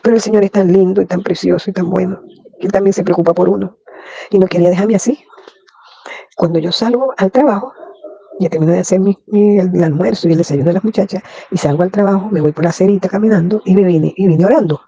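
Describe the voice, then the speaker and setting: Husky gravelly-voiced woman testifying fervently. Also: on the low side, steady tone, fast, mellow, highs cut off. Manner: fervent, prayerful, repeats praise phrases. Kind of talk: emotional faith testimony.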